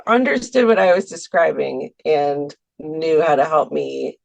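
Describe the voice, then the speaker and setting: A woman with a deep, gravelly voice takes her time as a guest on a Milwaukee, US podcast. The talk is a casual interview about teaching art, full of ums and small laughs as she hesitates.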